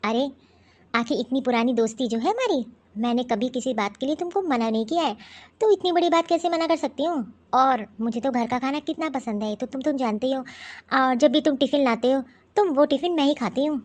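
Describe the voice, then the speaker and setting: A woman voicing a modern, pushy young city woman in an animated cartoon, speaking breezily and dropping English words. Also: high-pitched, a little fast. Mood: breezy.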